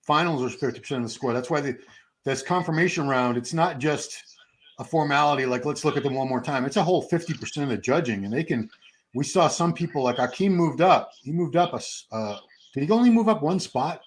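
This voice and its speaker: Man, livestream host, a bit high-pitched, rambling casual chat. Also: expressive, a little fast, low-quality recording. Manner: rambling, chatty, asks the guests.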